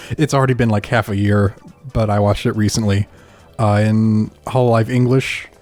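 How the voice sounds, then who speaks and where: A man's voice: on the low side, a little mellow. A man co-hosting a game let's play, chatting casually in a rambling way and chuckling often. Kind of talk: casual chat over gameplay.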